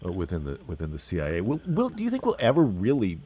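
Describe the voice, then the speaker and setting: A man with a very deep, husky, mellow voice asks an author questions on the radio. His pitch rises and falls a lot, and he stumbles and repeats words as he works his way through each question. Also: huge pitch swings, fast. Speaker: radio interviewer. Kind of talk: radio interview.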